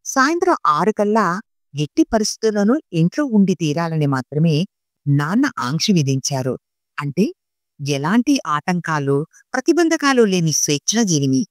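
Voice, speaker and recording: Expressive woman reading a story. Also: fairly low pitch, normal speed, dry recording, studio quality. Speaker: narrator, story reader.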